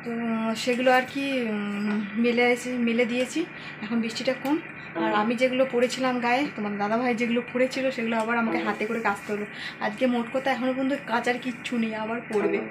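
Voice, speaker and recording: A woman's voice: a little high, fairly even intonation, a little fast, background noise. A woman in her thirties, chatting casually to her viewers as she records a home vlog. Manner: chatty, talks straight to viewers. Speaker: family vlogger.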